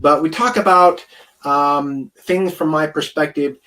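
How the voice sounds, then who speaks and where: A man's voice: on the high side, fairly even intonation, measured pace, bright, forceful tone. A man in his fifties, a food scientist giving an informal wellness presentation, rambling and chatty with many fillers, close to the camera mic. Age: 50s.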